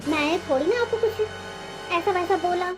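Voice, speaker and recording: Sweet-talking young daughter-in-law, sugary and sly, high-pitched, background music. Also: female voice, moderate pace. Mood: placating. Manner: sugary, placating.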